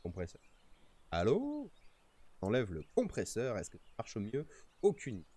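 With a fairly low pitch that swoops wildly, this man speaks unhurriedly in a mellow voice with a breathy edge. He's live-streaming from the outdoors, talking casually to viewers and himself as he fiddles with his noise-gated streaming mic.

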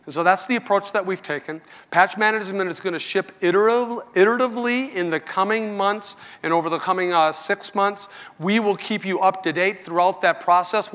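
A middle-aged man speaks from a big conference stage through a headset mic. His voice sits somewhat high for a man. He talks in an earnest, conversational way, frank with his audience of customers. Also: a bit bright. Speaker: company executive giving keynote. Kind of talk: conference keynote speech.

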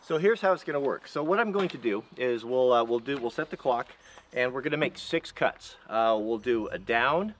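In a yard next to a tractor, a man in his forties demos chainsaws for his vlog in a relaxed, hands-on way. His voice sits at medium pitch, fairly bright, with lively intonation and a little background noise. His speech wanders and stalls, full of fillers and false starts.

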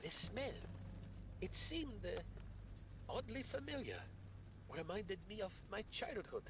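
An actor playing a frightened blind older male tenant in a game, stammering and nervous, with a gravelly voice. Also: high-pitched, animated, measured pace, noisy background, full character voice. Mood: uneasy.

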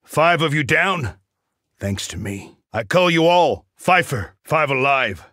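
An actor voicing a cocky, wry big-game hunter mercenary in a video game, husky and sardonic, delivering combat barks and taunts. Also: male voice, a little high, animated, takes it slowly, pushed and bright, no echo, clean studio sound, exaggerated voice. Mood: smug, wry.

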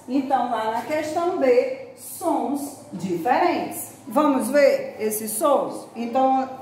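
A woman's voice: high voice, a little mellow. A woman teacher with a Brazilian Portuguese accent giving a grammar lesson to children, patiently repeating words and calling on her pupils. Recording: very echoey room, faint background noise.

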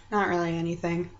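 A woman in her twenties hosts a casual vlog from a small furnished room at home, her lowish voice pushed and bright. She rambles playfully, acting out sounds and quotes as she describes things. A computer webcam mic at arm's length gives the recording a dull, lo-fi quality.

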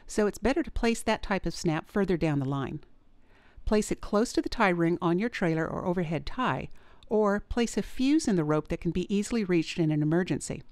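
Woman narrator, vet, lowish voice, calm and measured, dry close voice-over. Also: dry recording. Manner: calm, measured, clear advice. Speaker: veterinarian narrator. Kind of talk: scripted instructional narration.

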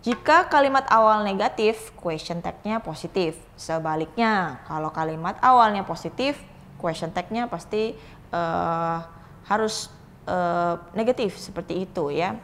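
A woman's voice: lowish voice, a little slow, fairly bright tone. Woman lecturer explaining grammar casually. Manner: casual explanatory teaching with frequent "eh" fillers and tag-like "gitu ya". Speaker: English lecturer. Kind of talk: recorded video grammar lesson.

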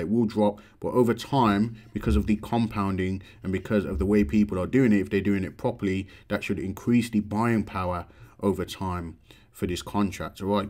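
A man in his thirties hosting a casual screen-share tutorial from a room at home, talking into a desk webcam setup. He walks through each step with frequent "um" and "uh" and closes almost every point with "okay, guys" or "all right, guys?". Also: low-pitched. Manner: steady explanatory walkthrough with frequent "um" and "uh". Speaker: crypto channel host.

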